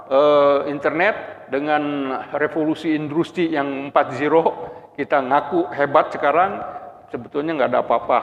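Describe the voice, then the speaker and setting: A man giving a humorous Quran exegesis lecture in a mosque, asking rhetorical questions and chuckling often. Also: on the high side. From Brunei. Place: mosque hall. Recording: muffled lo-fi recording with long hall reverb.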